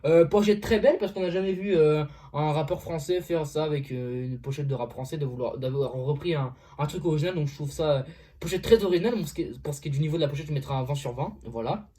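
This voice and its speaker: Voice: medium pitch, quick pace, dark tone. A music reviewer in a casual vlog, talking hesitantly with many fillers and restarts and often saying "voilà".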